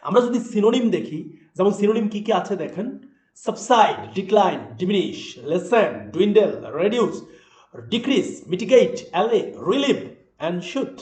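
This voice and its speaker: A man teaching English vocabulary in Bengali, talking straight to viewers with quick questions that he answers himself. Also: high voice. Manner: lively, talks to viewers directly with quick asks and answers. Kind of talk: explanatory lesson narration. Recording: roomy echo.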